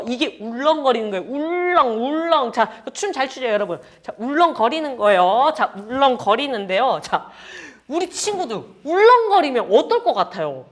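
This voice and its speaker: A woman teaching a lively Korean lesson, acting out sensations with sound words and calling her students friends. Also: sits high, normal speed, few pauses. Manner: animated, acts out feelings with sound words and gestures; addresses students as friends, frequent "자".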